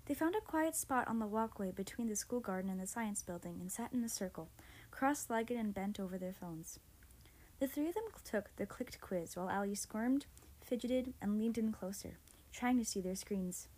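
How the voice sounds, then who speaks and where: A woman's voice: medium pitch, expressive, normal speed, darkish tone, low-quality recording. A woman narrating a story chapter by chapter, reading steadily and expressively. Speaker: audiobook narrator.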